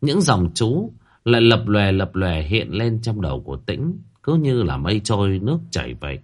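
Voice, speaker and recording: A man narrating a ghost story, dramatic and voicing the characters with big swings in pitch. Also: big pitch swings, moderate pace. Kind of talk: storytelling narration with acted dialogue.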